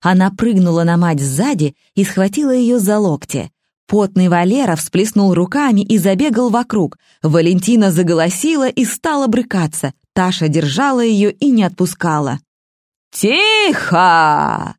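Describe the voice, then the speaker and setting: A woman narrating an audiobook with an expressive, dramatic reading. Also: medium pitch, moderate pace, dry recording, clean studio sound.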